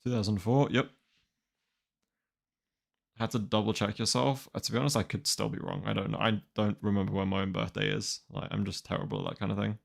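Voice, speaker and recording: A man's voice: fairly low pitch, flat delivery, a little fast, vocal fry. A twenty-year-old man chatting casually and wryly to a live-stream audience, rambling and exasperated. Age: 20s. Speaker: manga reaction streamer.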